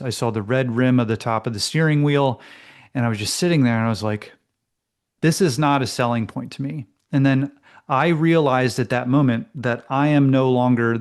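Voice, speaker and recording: A man co-hosting a casual car talk show, telling a story with lots of fillers. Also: medium pitch. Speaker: co-host. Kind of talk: casual chat.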